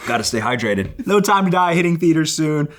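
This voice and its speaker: A young man co-hosts a casual youth ministry chat. He talks in an animated, upbeat way and likes to build up hype, with a voice pitched slightly high for a man. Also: fairly quick.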